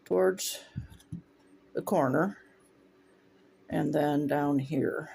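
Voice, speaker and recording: A stained glass instructor from Northwest Ohio gives a casual workshop demonstration in his home glass studio with the windows open, thinking aloud as he works. His gravelly, slightly high voice is relaxed and very slow, with a runny nose making it falter briefly, and there's slight background noise.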